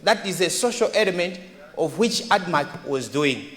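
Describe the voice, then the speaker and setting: A man with a Malawian accent formally and deliberately putting a question as a member of parliament. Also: high voice, animated, a bit bright. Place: large indoor parliamentary chamber. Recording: echoing chamber hall.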